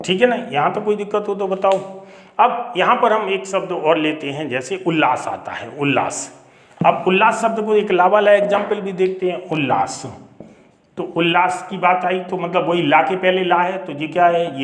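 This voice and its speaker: A man's voice: fairly high pitch, reverberant. A man teaching Hindi grammar, explaining step by step, repeating words and asking rhetorical questions. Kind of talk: classroom lesson.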